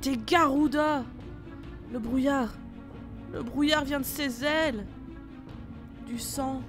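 A woman's voice: high voice, fairly even intonation, takes it slowly, faint music behind. A woman voicing a tough female squad leader in an amateur horror audio drama, giving curt, commanding orders. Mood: stunned. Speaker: team leader.

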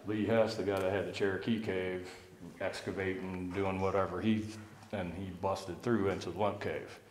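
A middle-aged man from St. Louis, explaining a cave site in a plain, matter-of-fact way, recorded by a camera mic. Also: low voice. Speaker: cave site worker and guide. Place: large underground cave, echoing. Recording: echoey cave with faint noise.

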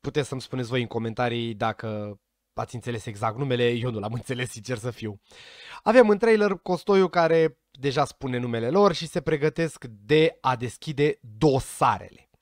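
A man giving casual commentary to his viewers, chatty and speculative, sometimes tripping over names. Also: mid-range voice. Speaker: vlogger reacting to a series trailer.

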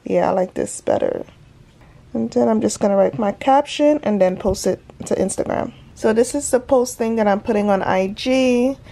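A woman's voice: on the high side, moderate pace, creaky, warm tone. A woman vlogger chatting casually and informally to her viewers as she films her day on a handheld phone. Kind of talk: casual day-in-the-life vlog chat.

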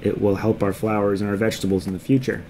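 In his thirties, this homestead vlogger casually narrates a how-to video from his basement workshop, easygoing and rambling with lots of ums. His voice is fairly low, flat and mellow, and he talks fast. An action camera worn on his body picks up a noisy basement full of clucking chickens and cheeping chicks.

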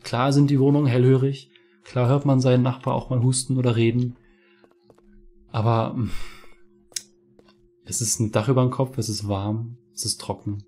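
With a warm, husky, medium-pitched voice, he talks at normal speed in a flat delivery, leaving long pauses. The young man, in his twenties and from Mecklenburg-Vorpommern in northeastern Germany, is a gaming streamer recording casual let's play commentary on a headset in his home room with a webcam, chatty, ranting and cursing freely.

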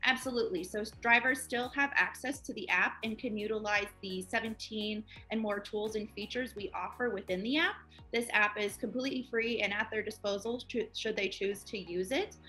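A woman's voice: medium pitch, moderate pace, pushed and bright, faint music behind. A woman in her twenties, a guest on a company interview, explaining eagerly over a video call. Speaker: project manager guest.

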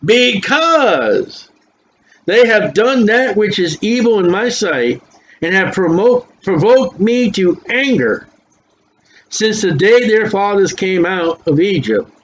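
This older male preacher sounds high-pitched and very animated as he reads scripture slowly and drops in emphatic, folksy remarks. His s sounds whistle through dentures, and the dull lo-fi audio carries faint noise.

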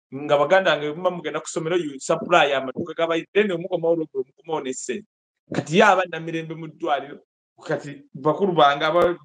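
A Ugandan man in his forties hosts emphatic, animated political commentary over a video call from an indoor room. His voice sits high, picked up by the webcam's microphone.

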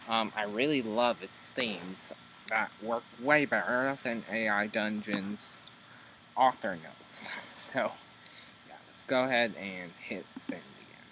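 Man, casual video host, hesitant, lots of ums, bright, tense tone. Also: on the low side, takes it slowly, slight background noise, rough recording. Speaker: video host demoing story software. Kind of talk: casual commentary.

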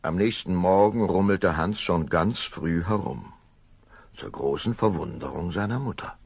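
A man with a low, creaky voice tells a scripted fairy tale as a storyteller. He is expressive and unhurried, addressing his listeners directly.

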